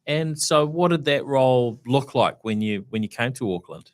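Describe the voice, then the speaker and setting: A man hosting a podcast, asking curious, halting questions with restarts. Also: medium pitch, lively intonation, no room sound. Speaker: podcast host. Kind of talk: interview questions.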